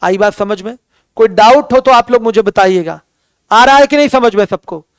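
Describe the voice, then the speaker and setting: High-voiced man teaching math. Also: normal speed, clear, resonant tone, no room sound. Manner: calls students "my children", asks questions and answers them himself. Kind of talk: classroom lecture.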